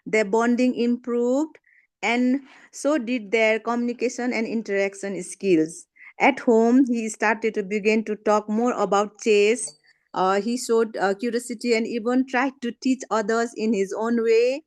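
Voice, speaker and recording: A middle-aged woman with a Nepali accent speaks a little high, reading a prepared talk at a measured pace with frequent "uh" pauses. Her voice comes over a video call and sounds close and dry. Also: fairly even intonation, dry recording. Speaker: guest speaker, parent. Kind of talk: prepared talk read aloud.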